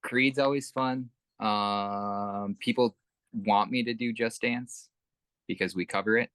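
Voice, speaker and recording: Young male band musician, interview guest: deep, edgy tone, dry close sound, rambling with fillers. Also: steady tone, takes it slowly, fairly bright tone, clear, resonant tone, dry recording. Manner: rambling, many fillers and restarts. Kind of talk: casual interview chat.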